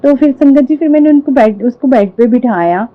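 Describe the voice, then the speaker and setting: A woman's voice: high-pitched, animated, a little fast. A woman earnestly sharing a devotional testimony with a prayer group, often turning to address the congregation directly. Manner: earnest, repeatedly addresses the congregation, many fillers. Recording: tinny phone-line audio.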